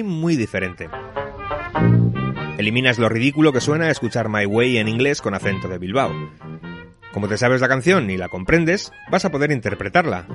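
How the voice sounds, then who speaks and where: A man giving wry, conversational advice as a contributor to a radio music segment. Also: medium pitch.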